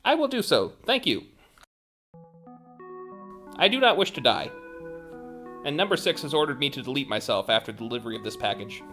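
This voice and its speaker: A man voicing a polite, obedient robot helper in a tabletop game, speaking in a flat, emotionless, formal way. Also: medium pitch, normal speed, pauses often, soft background music. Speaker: game master.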